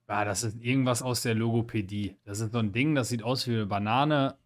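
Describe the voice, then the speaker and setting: A man on a casual podcast chat, joking around and quickly throwing out guesses. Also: medium pitch. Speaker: podcast co-host.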